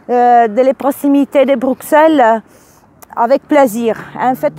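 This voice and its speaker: A woman's voice: fairly high pitch, a little mellow. A woman with a foreign accent in French, a non-native speaker talking informally and searching for words in a spiritual vlog monologue. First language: not French. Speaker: spiritual vlogger and energy healer.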